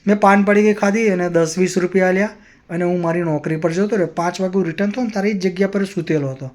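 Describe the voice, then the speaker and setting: A man's voice: sits high, fairly even intonation, fast, darkish tone. A man vlogger telling a personal story in an earnest, moralizing way.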